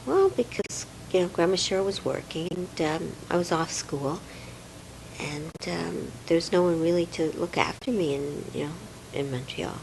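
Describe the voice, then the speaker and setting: An older woman from Romania, recalling her childhood in a hesitant, reflective home interview with many pauses and fillers. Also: lowish voice, creaky, background noise. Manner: hesitant, many fillers, soft trailing words.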